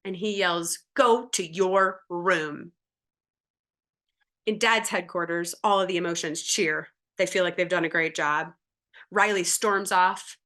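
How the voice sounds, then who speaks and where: A woman's voice: fairly low pitch, steady tone, moderate pace, bright, forceful tone. A woman giving a sermon in a church, retelling a film scene in a storytelling manner with short voiced quotes. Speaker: lay speaker giving the sermon. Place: church sanctuary during a service.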